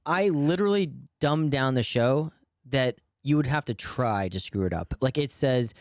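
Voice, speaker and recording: A man, a stand-up comedian co-hosting a podcast, chatting casually and telling animated stories with frequent laughs. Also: mid-range voice, normal speed, no echo, studio quality. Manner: animated storytelling, laughs often. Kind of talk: casual chat.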